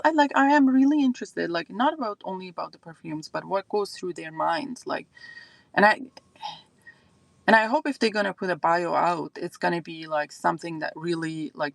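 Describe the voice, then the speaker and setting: Hosting a casual fragrance livestream, an Iranian woman with an Iranian accent and Azeri as her first language muses aloud, leaning on plenty of fillers. Her lowish voice is gravelly, heard on a dry, rough recording.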